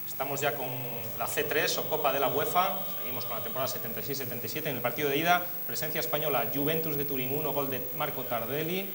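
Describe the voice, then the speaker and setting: Fast and with few pauses, a medium-pitched, slightly bright male voice recounts football results and match action in a conversational way. He hosts a football history show and has a Spanish accent from Spain. Electrical hum adds to the noise in the recording.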